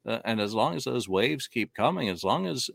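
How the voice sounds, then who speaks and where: A man's voice: medium pitch, animated, moderate pace, creaky, a bit bright, no room sound. A man on a podcast panel, chatting casually and opinionatedly, rambling with enthusiasm. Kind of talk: casual chat.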